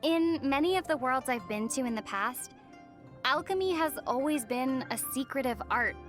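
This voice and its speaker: Young female otherworldly traveler for an anime game: high, gentle, musing, faint music behind. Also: lively intonation, moderate pace. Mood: puzzled, gently teasing. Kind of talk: scripted anime game dialogue.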